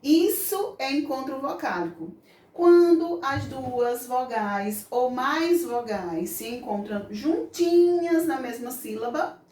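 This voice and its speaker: Slow, patient Brazilian woman teacher. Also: high-pitched, a little mellow. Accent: Brazilian Portuguese. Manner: slow, patient explaining, voices children's questions. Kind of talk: children's grammar lesson. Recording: echoey room, mic far off.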